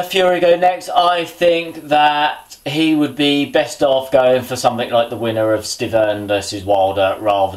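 Cooking indoors in a cramped kitchen, a man who vlogs about boxing chats and mutters to himself about fights in a voice on the low side. The camera's built-in mic captures it.

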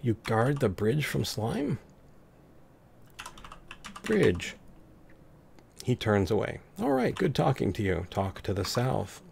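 A man's voice: mid-range voice, wildly swooping pitch, takes it slowly, creaky, pauses often, darkish tone, slight background noise. A man hosting a let's play, reading the on-screen dialogue aloud and adding dry comments.

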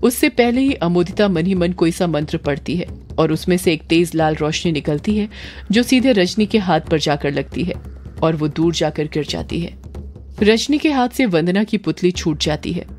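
A woman storyteller narrating a horror story in a steady, dramatic way. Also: lowish voice, normal speed, a little hiss or hum. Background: faint background music.

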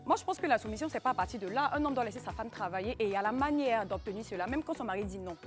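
A woman co-hosting a TV talk show, chatting in a lively, playful way. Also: fairly high pitch, rapid-fire, over music. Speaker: co-host. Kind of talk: casual studio banter.

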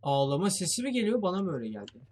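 A man's voice: sits high, sing-song, racing, a little mellow, a little hiss or hum. A young man giving let's play commentary on a horror game, jumpy and swearing as he thinks aloud to his viewers. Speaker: gamer playing a horror game.

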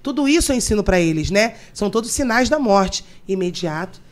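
Woman guest, mortuary teacher type, talks fast, explains terms plainly, crowd noise behind. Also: medium pitch, animated. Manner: explains technical terms to listeners. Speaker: guest, mortuary and embalming instructor. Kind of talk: podcast storytelling.

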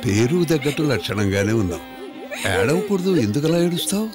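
Actor as a gentle fatherly comforter, expressive lively pitch, loud score underneath. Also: brisk, over music, lightly acted. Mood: soothing. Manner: soothing, fatherly. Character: kindly man comforting a frightened blind girl. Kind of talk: dubbed film dialogue. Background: loud film score.

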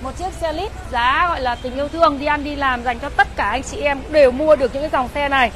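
A woman in her thirties with a Northern Vietnamese accent gives an insistent, repetitive hard-sell pitch as a live scooter seller, addressing viewers directly. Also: quick pace, a bit bright. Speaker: used scooter seller hosting a live sale. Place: outdoors on a busy city street outside a shop. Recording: noisy street recording with traffic and chatter.

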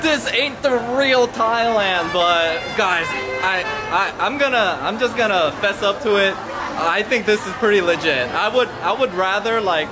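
A man in his thirties hosts a casual travel vlog, holding the camera at arm's length as he walks through an indoor market. His voice sits fairly high and he rambles excitedly, full of fillers and restarts. Music plays clearly behind him. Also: rough recording. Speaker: travel vlogger host. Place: busy indoor food market in a mall. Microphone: handheld camera at arm's length.

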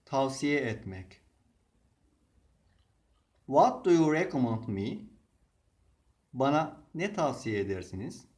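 Male language teacher, mid-pitched, extremely slow and deliberate delivery. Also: big pitch swings, darkish tone. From Turkey. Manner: slow, deliberate reading of words and example sentences. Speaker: English teacher. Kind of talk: slow vocabulary lesson.

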